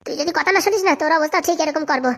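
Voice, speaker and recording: A woman's voice: high voice, racing, fairly bright tone. A woman voicing a fierce, bossy woman boss in a comic cartoon, threatening and commanding.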